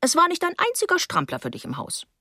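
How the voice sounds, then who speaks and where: A brusque nanny who scolds and storms but cares fiercely, put on by a woman narrating an audiobook. Her voice swings lively through its pitch. The sound is dry and close. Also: quick pace, no room sound, full character voice. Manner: blunt, scolding, dramatic outbursts. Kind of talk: audiobook reading.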